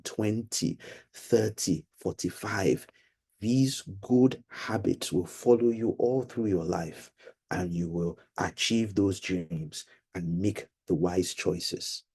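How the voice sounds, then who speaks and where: Middle-aged man, low husky voice, patient teacher for kids on a video call. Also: warm tone. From Nigeria. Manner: patient, explaining slowly to children. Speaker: financial literacy seminar leader. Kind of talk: online seminar for children.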